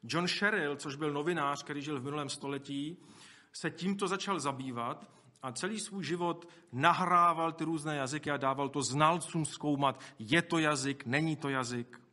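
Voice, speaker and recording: A man's voice: a little high, pushed and bright. A man preaching a sermon in a conversational way, with asides to the congregation and acted-out quotes. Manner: acts out quoted speech.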